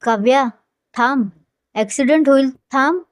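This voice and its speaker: A woman's voice: high-pitched, measured pace, dry recording, pitched above the performer's own voice. A woman voicing a possessive, hot-tempered young man with a commanding, intense manner, in a dry close recording. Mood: urgent.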